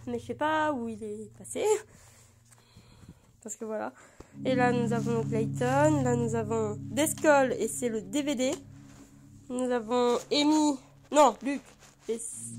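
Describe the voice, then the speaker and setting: A woman with a hoarse voice from a cold, gushing and rambling with many fillers as she shows off her collection in a casual vlog. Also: a little high, a little mellow. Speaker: vlogger showing her collection. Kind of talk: casual show-and-tell. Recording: noticeable background noise.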